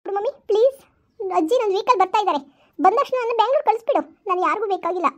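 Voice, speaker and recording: A woman's voice: very high-pitched, animated, very fast. A woman doing a sobbing, pleading young daughter. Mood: stubborn. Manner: whining, pleading, sobbing complaints. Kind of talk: family skit acting.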